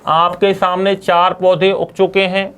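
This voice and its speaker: Male science teacher, high ringing voice, call-and-response drilling style. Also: monotone, unhurried, fairly bright tone, clean tone. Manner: asks students questions and answers them himself; repeats key terms for drilling. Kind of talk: classroom lecture.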